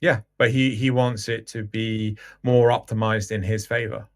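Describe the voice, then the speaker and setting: A man's voice: fairly low pitch, flat delivery, moderate pace. A man co-hosting a casual gaming podcast, joking and pressing his point. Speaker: podcast co-host.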